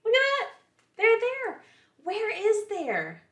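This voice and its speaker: Lively playful woman reading to kids. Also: very high voice, slow, reverberant. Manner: playful, asks children questions. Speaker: children's librarian. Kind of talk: reading picture books aloud to children.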